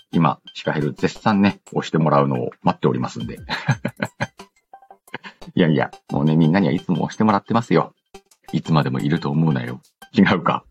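His voice is extremely low and husky. He hosts a casual radio-style show, chatting and reading listener letters with slangy playfulness and frequent self-interrupting asides, all captured in a dull lo-fi recording with background music.

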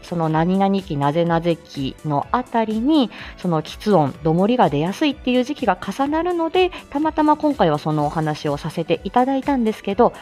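A woman with a medium-pitched, slightly mellow voice hosts a relaxed morning live chat. She works as a live audio show host and a speech-language therapist, and she comes across as chatty and giggly, explaining things politely while tossing in playful asides.

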